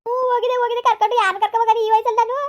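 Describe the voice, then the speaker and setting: A woman's voice: very high-pitched, flat delivery, very fast, darkish tone, muffled recording. A woman playing an old village wife who pleads and protests against her husband's accusations in a comedy skit. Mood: defensive whining. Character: old village wife, defensive and self-pitying.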